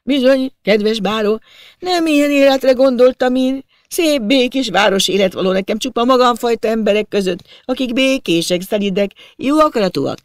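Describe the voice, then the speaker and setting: A man's voice: extremely high pitch, dry recording, studio quality, pitched above the performer's own voice. A man voicing a timid, self-pitying imperial official from Prague who laments his lot in a storybook reading. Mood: lamenting. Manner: plaintive, wistful lamenting.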